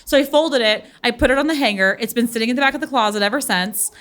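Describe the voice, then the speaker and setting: A woman's voice: on the high side, quick pace, fairly bright tone. A young woman co-hosting a podcast, chatting casually with lots of fillers. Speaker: podcast co-host. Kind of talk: casual chat.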